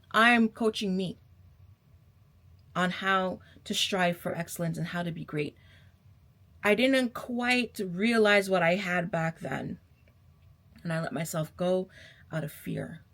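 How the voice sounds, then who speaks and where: A woman's voice: on the low side, takes it slowly, long pauses, a bit bright. A young adult woman vlogger giving a casual motivational pep talk to camera, sassy and emphatic, repeating herself and calling her viewers babe.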